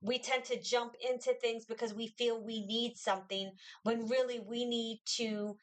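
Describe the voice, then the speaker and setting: A woman's voice: on the high side, steady tone, normal speed, low-quality recording. A woman reading tarot cards for viewers in a chatty, reassuring way, with many fillers and restarts. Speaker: tarot reader.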